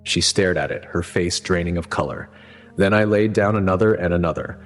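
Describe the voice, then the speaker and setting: Deep-voiced man in his fifties, grave measured storyteller, reverberant sound under faint music. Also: steady tone. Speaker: narrator. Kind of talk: scripted first-person story narration.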